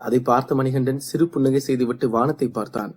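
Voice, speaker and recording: A man narrating a serialized story in a steady, even reading voice. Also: mid-range voice, a little fast.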